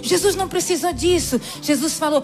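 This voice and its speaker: A woman's voice: extremely high pitch, a little fast, music in the background. A woman preaching a sermon in a church service, emphatic, telling the congregation to repeat phrases to each other.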